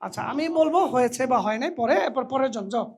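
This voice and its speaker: A man teaching English pronunciation to new college students in a hall, lively and teasing, slipping English phrases into his talk. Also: extremely high pitch, fast. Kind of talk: lively classroom lecture with a live audience.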